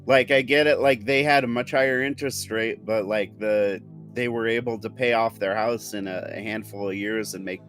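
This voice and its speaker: A man's voice: on the low side, little pitch movement, normal speed, fairly bright tone, faint music behind. A man co-hosting a casual podcast, complaining loosely and swearing. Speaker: podcast co-host.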